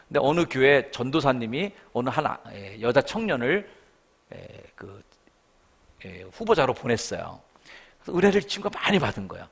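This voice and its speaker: Animated middle-aged man preaching a sermon. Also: medium pitch, creaky. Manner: animated storytelling, acting out quoted voices. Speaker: guest revival preacher. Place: church sanctuary.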